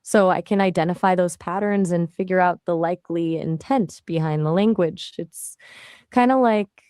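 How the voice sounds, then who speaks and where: A woman's voice: on the low side, normal speed, no echo, clean studio sound. Chatty synthetic woman's assistant voice. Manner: chatty and relaxed, with casual fillers. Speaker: AI voice assistant answering questions. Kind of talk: casual conversational answers.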